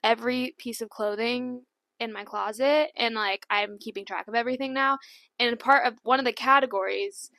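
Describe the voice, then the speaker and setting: This is a young woman in her twenties, chatting casually on a podcast. Her voice sits a bit high, and she talks in an upbeat, giggly way. The sound is close and dry, with no room echo. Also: fairly even intonation, normal speed, bright, forceful tone. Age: 20s. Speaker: podcast co-host. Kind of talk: casual chat.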